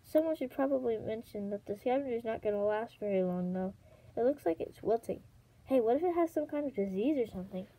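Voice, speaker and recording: A woman's voice: on the high side, animated, fairly quick, mellow, poor audio. A woman voicing a teasing, friendly young male sand dragon. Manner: teasing, breezy.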